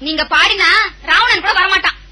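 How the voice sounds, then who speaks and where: A woman playing a sharp-tongued, fed-up housewife who answers her broke husband with sarcastic retorts, in a comedy audio drama. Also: very high voice, normal speed, heavily acted. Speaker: wife.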